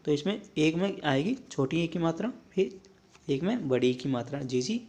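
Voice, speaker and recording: Young male tutor, slightly high voice, repetitive drill delivery: wrong word, right word, "okay", next. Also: animated, darkish tone. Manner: repetitive drilling, checks in with "ठीक है" often; contrasts the wrong form with the right one, pausing mid-word. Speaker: Hindi teacher. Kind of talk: spelling lesson for exam prep.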